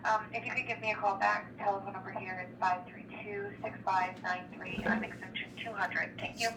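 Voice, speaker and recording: A woman's voice: mid-range voice, level tone, brisk. A nurse leaving a voicemail, played back over a phone speaker. She speaks hesitantly, with many ums. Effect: voicemail message played back over a phone speaker. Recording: echoey, distant, noisy phone speaker.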